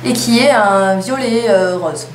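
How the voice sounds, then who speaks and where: A woman's voice: medium pitch, takes it slowly. A young woman chatting casually through a lipstick haul, with playful self-mocking asides. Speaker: beauty vlogger. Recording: echoey room with faint hum.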